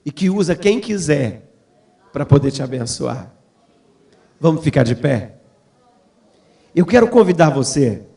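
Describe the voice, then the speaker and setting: Middle-aged male missionary preacher, higher pitch, vivid storytelling into a fervent church appeal. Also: very animated, a little slow, gravelly, pauses often, dark tone. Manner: storytelling, acts out quoted voices, rising to fervent appeal. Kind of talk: sermon testimony.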